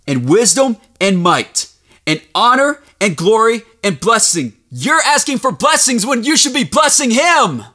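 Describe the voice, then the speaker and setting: A man preaching a fervent sermon, reading scripture aloud and rising to shouts as he rebukes his listeners. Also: extremely high pitch, big pitch swings, measured pace.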